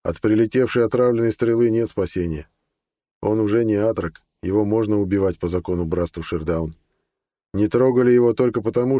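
A determined young man speaking tersely and urgently, in a low, dark voice. A male narrator reads him close and dry, with little put-on. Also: no echo, natural voice.

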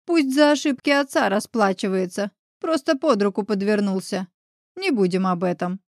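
A woman's voice: mid-range voice, animated, moderate pace, dry recording, studio quality, natural voice. A woman voicing a scheming middle-aged aunt who talks in a silky, coaxing, sly way, in an audiobook. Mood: sinister.

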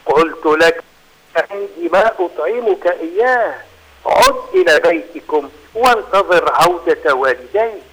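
A man's voice: sits high, expressive, sharp tone, exaggerated voice, low-quality recording. A man voicing a stern old female rabbit grandmother who speaks firmly. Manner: firm, measured.

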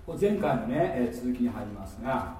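A man's voice: mid-range voice, big pitch swings, brisk, mellow, slight background noise. A man pastor preaching an emphatic sermon in a church hall, asking the congregation questions as he goes. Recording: echoey hall, mic set far off.

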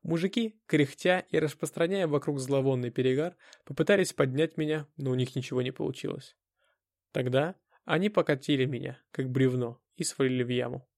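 A man narrating a first-person audiobook in a measured, even storytelling manner. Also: mid-range voice, dry recording, studio quality.

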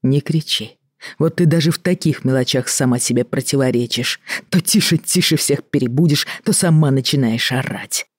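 Reader as a weary middle-aged doctor at the end of his rope; reproachful, husky, dry. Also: mid-range voice, dry recording, natural voice. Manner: tired, reproachful, measured. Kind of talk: audiobook reading.

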